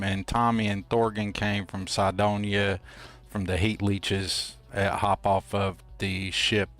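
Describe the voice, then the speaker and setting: A man's voice: sits low, a bit bright. A man hosting a game stream with casual, folksy, playful and rambling commentary. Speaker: host of a gameplay livestream.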